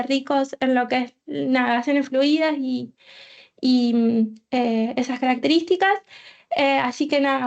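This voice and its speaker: A woman's voice: high-pitched, lo-fi sound. Hesitant Argentine woman giving a tech talk. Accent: Argentine Spanish. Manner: hesitant, many filler sounds and restarts. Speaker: full stack developer giving a tech talk.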